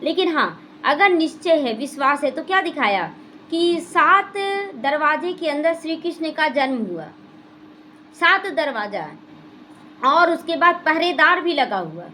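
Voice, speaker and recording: A woman's voice: sits high, expressive, unhurried, pushed and bright, slight background noise. A woman teaching a spiritual class, explaining the day's lesson and putting questions to the class. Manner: explanatory, asks the class questions and answers them. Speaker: Brahma Kumaris class teacher. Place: small gita pathshala classroom.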